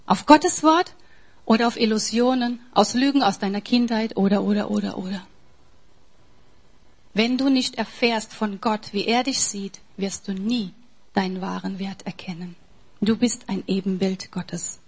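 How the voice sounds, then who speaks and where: A woman preaching a sermon in an emphatic way, swinging between soft, near-whispered passages and forceful, raised lines. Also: medium pitch, unhurried, breathy edge.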